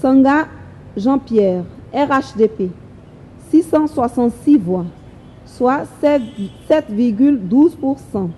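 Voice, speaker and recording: Woman, electoral official reading results aloud; unhurried, measured, high-ish mellow voice. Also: lively intonation, slight background noise, poor audio. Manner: slow, measured, reads each figure deliberately.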